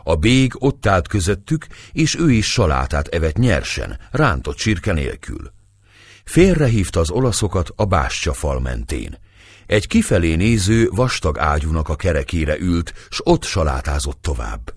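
A man's voice: low-pitched, very animated, breathy edge, no echo. A man narrating a novel as an audiobook reader, telling the story expressively.

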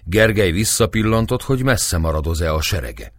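A man narrates an audiobook in a very deep voice, telling the story in a measured way. His pitch is lively and animated, and the sound is dry and close. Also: dry recording. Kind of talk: audiobook narration of a historical novel.

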